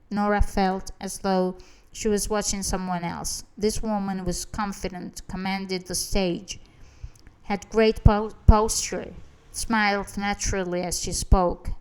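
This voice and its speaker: A woman reads an audiobook with measured, expressive narration. Her voice is smooth and resonant, pitched in an ordinary middle range.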